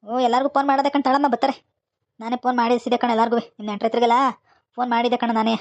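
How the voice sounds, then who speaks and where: A gruff village man in a cartoon, as a woman voices him, speaking rural Malnad Kannada at a rapid clip. He reassures the widow in a brusque way. His voice sits lower than the narrator's. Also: level tone, a little mellow, no room sound, close to an everyday voice. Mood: reassuring.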